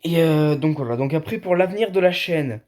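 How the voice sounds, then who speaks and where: Though under the weather with a flu-like illness and tired, this car video host is animated, talking a little fast in a higher, slightly mellow voice. He keeps it colloquial, opining casually and calling viewers buddies.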